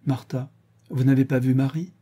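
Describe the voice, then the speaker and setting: A man reading an audiobook, voicing a stern, shrewd woman who questions her servants in a measured, deliberate way. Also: medium pitch, little pitch movement, warm tone, husky, close to an everyday voice. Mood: cold.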